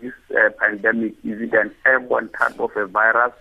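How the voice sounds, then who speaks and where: A man calling in over the phone to a radio show, asking his question in a hurried, halting way with fillers. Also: on the low side, level tone, vocal fry. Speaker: radio call-in caller. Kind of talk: casual call-in question. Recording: tinny phone line.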